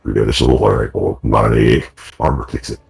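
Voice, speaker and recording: A man playing a tabletop game in a put-on gravelly, mechanical robot voice, talking through rules in a flat, matter-of-fact way. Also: very deep voice, brisk, soft background music, full character voice. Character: deep gravelly robot-voiced male fighter. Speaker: player. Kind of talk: tabletop game role-play.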